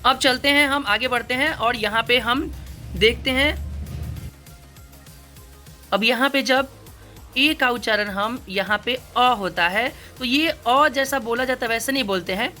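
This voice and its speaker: A woman's voice: on the high side, unhurried, pauses often, bright, forceful tone, soft background music. A woman teaching English phonics, explaining patiently and repeating each sound several times. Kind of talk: spoken phonics lesson.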